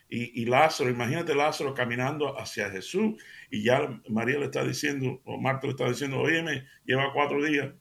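A man giving a conversational radio sermon, speaking straight to his listeners and often pausing with fillers and restarts. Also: mid-range voice, creaky, fairly bright tone. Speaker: radio preacher.

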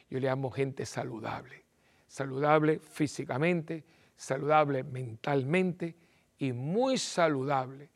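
Gravelly priest. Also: male voice, mid-range voice. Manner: animated, acts out little dialogues and repeats phrases for emphasis. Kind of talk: televised sermon talk.

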